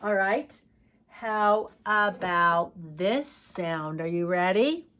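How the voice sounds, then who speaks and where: A woman teaching preschoolers, talking slowly in a coaxing, sing-song way as she asks questions and praises answers. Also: lowish voice, noisy background. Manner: slow, sing-song, coaxing talk to small children. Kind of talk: children's lesson.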